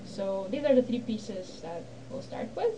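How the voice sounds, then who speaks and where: A woman from Bulgaria with a Bulgarian accent, a guest scholar explaining music in a measured way on a radio interview. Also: mid-range voice, wildly swooping pitch, background noise. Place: radio studio.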